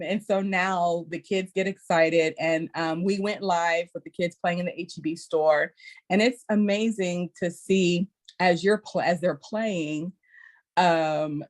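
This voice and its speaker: A woman educator telling a story on a podcast in a lively, animated way, acting out children's voices. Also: on the low side. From Texas. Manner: lively, acts out kids' voices with squeals. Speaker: early childhood educator guest.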